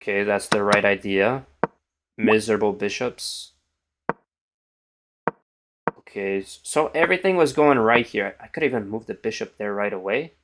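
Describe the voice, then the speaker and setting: Low-voiced tired young man streaming chess. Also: moderate pace, pauses often, fairly bright tone. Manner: mumbling, thinking aloud, trailing off. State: tired, morning voice. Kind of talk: casual live-stream commentary.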